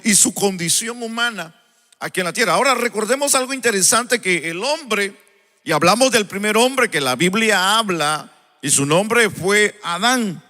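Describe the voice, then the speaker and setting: Male preacher, live sermon, unhurried storytelling, keeps asking the congregation, crisp bright tone, big reverberant sanctuary. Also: high-pitched. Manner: unhurried storytelling, often asks the congregation "¿verdad?". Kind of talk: live sermon with opening prayer. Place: church sanctuary. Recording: long church-hall reverb.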